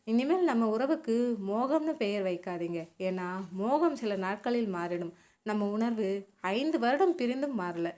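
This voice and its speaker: Tearful young woman, voiced by a woman narrator, soft emotional tone, slightly raised pitch, gently resolute, storybook reading. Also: animated, normal speed, natural voice. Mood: tender, tearful.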